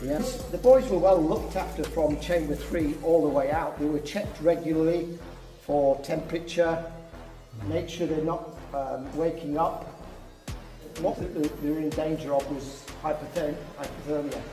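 A middle-aged man explains things as a cave tour guide in a slightly high voice. The cave echo rings around his halting phrases, and music plays behind him. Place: inside a large cave. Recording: echoey cave, music over the voice.

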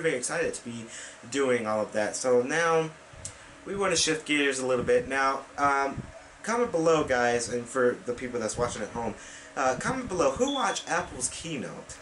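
A young man talks straight to his webcam in a small bedroom, his pitch in the middle range. He rambles and restarts often, filling gaps with ums and you-knows. A faint hum of room noise sits under the voice. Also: fairly bright tone, low-quality recording. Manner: rambling with many fillers and restarts; gestures with hands while talking. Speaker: vlog host. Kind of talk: casual vlog talk to camera. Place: small bedroom with computer desk, indoors.

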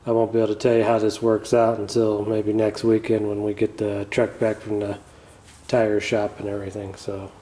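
The host of a laid-back repair channel films himself on a phone at a floor bench in his garage, working on parts and talking loosely. His manner is mumbly and relaxed, trailing off with fillers, and his voice is on the low side at a normal speed.

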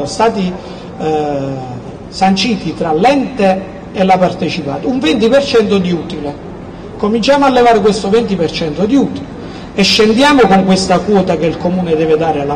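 High-pitched Campanian man making a rally speech. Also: darkish tone, rough recording. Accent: southern Italian, Campania. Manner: emphatic, insistent, repeats key words. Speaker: local politician. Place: outdoor town square. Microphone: microphone on a stand, amplified. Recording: outdoor public address with background noise.

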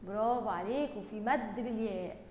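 A woman with an Egyptian accent teaching young children Arabic reading, stretching out words slowly and praising them often. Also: mid-range voice, echoey room, in a large hall, very noisy. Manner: drawn-out syllable-by-syllable reading, praising and questioning pupils. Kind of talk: recorded online lesson for young children.

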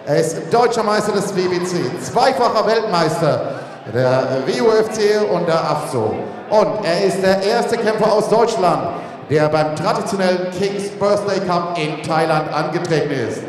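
A man working as a ring announcer, introducing fighters in a formal, showy arena announcer style with drawn-out names. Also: high-pitched, animated. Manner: drawn-out showman delivery of names. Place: large indoor arena, in the boxing ring. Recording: echoey arena PA with long reverb.

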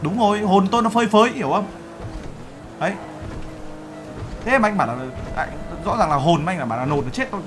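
Guy playing a cocky ceo show-off in a game rp, teasing, talks fast. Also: high-pitched, animated, over music. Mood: boastful. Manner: brash, bragging, teasing. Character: boastful male overseas-Vietnamese CEO. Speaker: streamer role-playing in a game. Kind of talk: game role-play banter.

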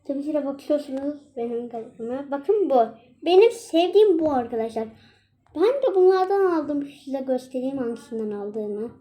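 A woman's voice: high-pitched, lively intonation, moderate pace, dark tone. A young woman chatting casually and exclaiming as she plays a mobile game for her channel. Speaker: gaming channel host.

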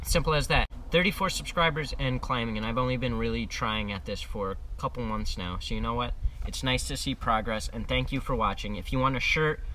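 A young man ranting to camera for comedy, in an exaggerated, put-on Jersey Italian mobster accent, yelling angry rhetorical questions. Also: medium pitch, a little fast, a little hiss or hum, low-quality recording. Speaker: car vlogger.

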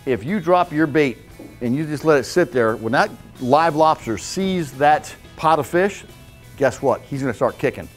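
In a club meeting room, a man in his fifties gives a blunt, folksy fishing talk at a moderate pace, his fairly high voice animated. Soft background music plays. The seminar is casual and hands-on, and he repeatedly checks on the room with "okay?"

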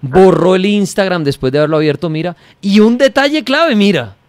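A man's voice: sits high, expressive, fairly quick, clean tone, no room sound. A man with a Colombian accent hosting a radio call-in, questioning in a probing, sarcastic way. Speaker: radio host.

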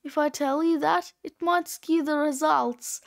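A woman plays a smug, scheming sixth-grade boy in a storybook reading. His voice is high and full of sarcastic wisecracks. He talks at a slow, measured pace. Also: steady tone, vocal fry.

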